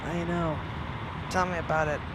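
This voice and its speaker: A man's voice: a little high, little pitch movement, moderate pace. A man hosting a casual plane-spotting livestream, chatting and exclaiming as he comments and reads viewer messages aloud. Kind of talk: casual live commentary and chat. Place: outdoors by an airport. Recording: outdoor airport noise, aircraft and vehicles. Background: aircraft and vehicle noise.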